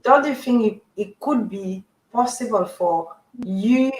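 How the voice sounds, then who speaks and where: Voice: medium pitch, takes it slowly, a loud crowd. Give me a host on an internet call that keeps breaking up, asking a question with some room echo. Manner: questioning, repeats and rephrases. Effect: internet call audio breaking up. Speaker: show host. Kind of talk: moderating a relationship discussion. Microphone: online call.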